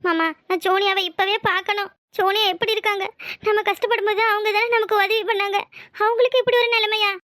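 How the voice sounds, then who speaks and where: A woman voicing an emotional young pregnant village wife in a Tamil cartoon, speaking with a Tirunelveli accent. The voice sits very high and bright, and the lines come quickly, with a dry, close sound. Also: level tone, no echo. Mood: alarmed. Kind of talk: cartoon voice acting.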